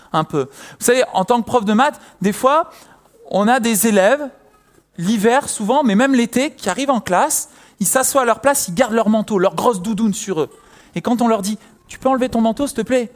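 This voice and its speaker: A young man preaching a sermon, telling a personal story in a lively way and acting out the people in it. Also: sits high, fairly quick. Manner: lively storytelling, acts out quoted voices.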